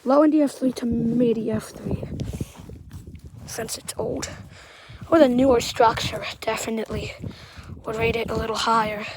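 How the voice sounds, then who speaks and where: A woman with a slightly high voice and a Southern-sounding lilt narrates as she walks outdoors through wreckage. Her remarks come in halting bits that ramble and often fade to a murmur, with faint noise behind her. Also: steady tone. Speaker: storm damage surveyor. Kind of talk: walking tour commentary. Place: outdoors at a damaged site.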